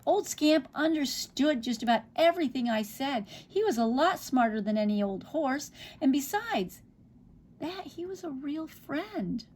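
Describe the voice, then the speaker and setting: A woman voicing a young farm boy who is sad and earnest, talking slowly and wistfully. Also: high-pitched, lively intonation, a little mellow, pitched above the performer's own voice.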